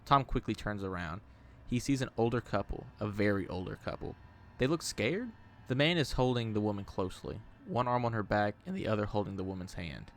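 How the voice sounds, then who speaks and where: Male horror narrator, lower pitch, even and measured delivery. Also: slight background noise. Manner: steady, measured reading. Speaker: storyteller.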